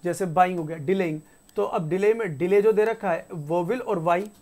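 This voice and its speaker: Lady teacher going over spelling rules, reads the rules out slow, repeats the words, keeps saying ok?. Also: on the low side, warm tone. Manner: casual, conversational teaching with frequent checks like "theek hai". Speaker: English teacher. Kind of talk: classroom-style explanation.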